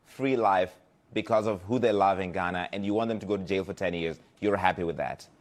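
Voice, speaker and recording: A man's voice: low voice, a little fast. A man working as a news interviewer, challenging his guest with pressing, pointed questions.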